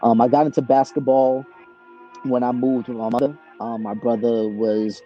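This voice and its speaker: A man in his thirties from Trinidad, raised in Boston, answering interview questions over a video call in a relaxed storytelling way with many fillers. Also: medium pitch, moderate pace, dull audio, soft background music. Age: 30s. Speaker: basketball coach, guest.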